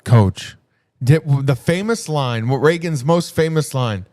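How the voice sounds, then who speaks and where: A man co-hosting a podcast in casual political chat, blunt and quick to agree and chime in. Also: a little high, expressive, a little mellow. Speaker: podcast co-host.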